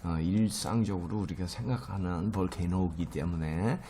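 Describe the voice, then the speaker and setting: A man's voice: sits low, moderate pace, mellow, slight background noise. A middle-aged man teaching a recorded lecture, explaining terms patiently with many fillers and stressing English words strongly.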